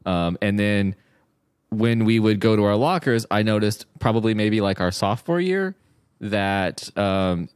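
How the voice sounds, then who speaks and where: A fairly low-pitched man speaks as his character at a tabletop game, halting often with ums and likes. The sound is dry and close to the mic. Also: clean tone, no echo. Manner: hesitant, filler-heavy. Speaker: player. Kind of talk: in-character roleplay chat.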